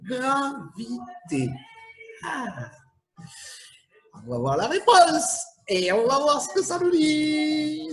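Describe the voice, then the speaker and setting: A man's voice: extremely high pitch, big pitch swings, takes it slowly, pauses often, faint music behind, rough recording. A man hosting a casual quiz game, playful and teasing, chuckling at his own riddles. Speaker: host of a live quiz game.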